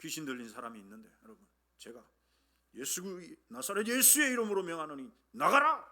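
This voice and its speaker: Animated, bright-voiced male preacher. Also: on the high side, a little fast. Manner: emphatic preaching, acts out quoted voices, addresses the congregation often. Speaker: pastor. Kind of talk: sermon. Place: church sanctuary.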